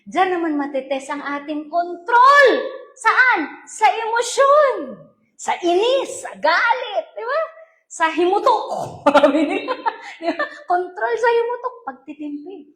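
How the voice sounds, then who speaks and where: A woman pastor delivers an animated, playful sermon in a high voice, switching between Tagalog and English as she goes. She acts out the voices she quotes. The sound is roomy and echoey, as in a church hall. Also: takes it slowly.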